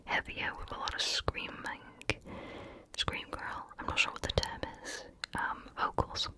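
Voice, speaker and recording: A woman host speaking in a soft, close-up ASMR whisper into the ear, chatting casually. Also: unhurried. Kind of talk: whispered ASMR chat about favorite music.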